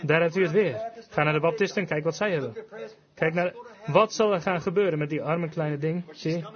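A man preaching a fervent revival sermon, emphatic, switching between quick bursts and slow, drawn-out phrases. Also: on the high side, a crowd in the background. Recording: dull lo-fi recording with congregation audible.

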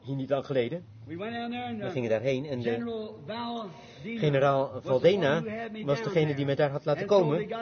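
A man's voice: a little high, animated, moderate pace, long pauses. A man preaching a sermon, telling a story with rising fervor. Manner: storytelling, rising to loud fervent shouts. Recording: dull lo-fi live recording with crowd.

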